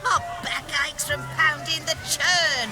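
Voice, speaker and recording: A woman's voice: high-pitched, measured pace, low-quality recording. An actress playing a saucy, bantering village woman at a wedding in a video game. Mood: saucy, merry. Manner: teasing, bantering. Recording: music and crowd behind the voice.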